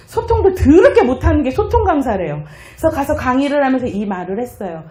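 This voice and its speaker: A middle-aged woman giving a motivational lecture, telling stories, acting out dialogue and leading the audience in chants. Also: on the high side. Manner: lively, leads audience in chants, acts out dialogue. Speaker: lecturer on happiness and communication. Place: lecture hall with live audience. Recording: echoey lecture room.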